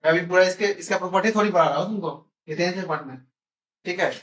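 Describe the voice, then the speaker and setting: A man's voice: sits high, quick pace, fairly bright tone, dull audio. A man teaching a classroom math lesson in speech, constantly quizzing his students with repeated questions.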